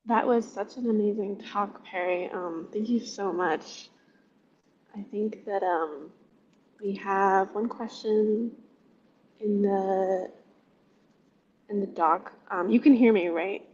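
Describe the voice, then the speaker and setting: A woman's voice: mid-range voice, takes it slowly, long pauses, a little mellow. Woman on a patchy, bad call connection. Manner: chatty, lots of ums and likes. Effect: patchy bad internet connection. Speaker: Q&A moderator. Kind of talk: casual video-call Q&A. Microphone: video call. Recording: dull lo-fi call audio with faint noise.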